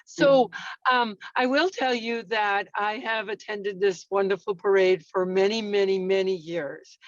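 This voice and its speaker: A woman's voice: medium pitch, dry recording. A woman calls in over her car speakerphone while she drives, chatty and enthusiastic. Her voice comes through dull and muffled, with a very dry sound and no room around it. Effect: speaking over a car speakerphone while driving. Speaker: parade volunteer. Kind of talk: video meeting call. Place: in a car, driving.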